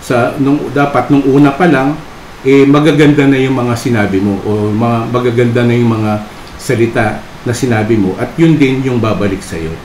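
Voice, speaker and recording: A patient mother, as a preacher puts her on, gently explaining to her son in a calm, explaining tone. The voice sits in the middle range and rings through a roomy hall. Faint ambience sits behind it. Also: mid-range voice, moderate pace, slight background noise, natural voice.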